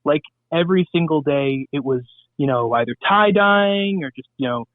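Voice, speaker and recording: A man's voice: a little high, moderate pace, no echo. A man as a radio guest, talking in a loose, rambling way with crude humor and many fillers. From Southern California. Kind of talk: casual radio interview. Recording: tinny phone-line sound.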